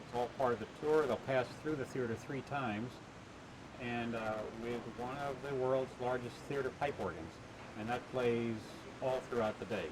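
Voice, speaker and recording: A man answering interview questions about the attraction he built, halting with many "uh" fillers and restarts, heard on a worn tape copy. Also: mid-range voice, background noise. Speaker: attraction owner being interviewed.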